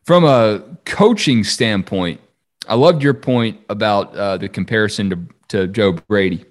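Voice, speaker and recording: A man's voice: lowish voice, a little slow. A man co-hosting a sports podcast, talking football in a chatty, upbeat, casual way.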